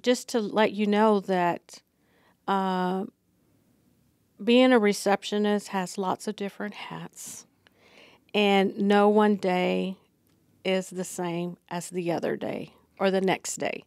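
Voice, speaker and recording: A middle-aged woman talking as an interview guest in a small studio, unhurried and full of fillers. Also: medium pitch, flat delivery, a little mellow, dry recording. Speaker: district receptionist, guest. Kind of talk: casual interview. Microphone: podcast mic on boom arm.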